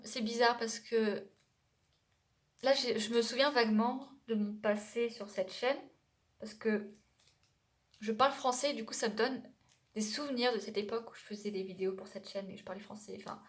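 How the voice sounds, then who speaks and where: A young woman from France chats loosely to camera in a fairly high voice. She wanders off topic, pauses on fillers and keeps correcting herself mid-sentence. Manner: rambling and digressive, full of hesitations and self-corrections. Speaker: YouTuber. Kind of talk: casual vlog chat to camera.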